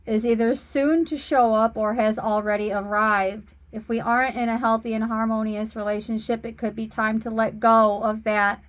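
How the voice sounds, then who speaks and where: A spiritual reader and healer gives an oracle card reading, speaking slowly, earnestly, and reassuringly. Her fairly high voice holds a level tone, and the recording sounds muffled.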